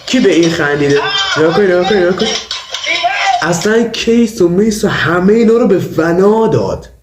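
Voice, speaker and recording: A man's voice: high-pitched, expressive, roomy sound, over loud music. A young man with a cold, chatting through a try-not-to-laugh reaction video and insisting the clips aren't funny. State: has a cold. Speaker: YouTuber.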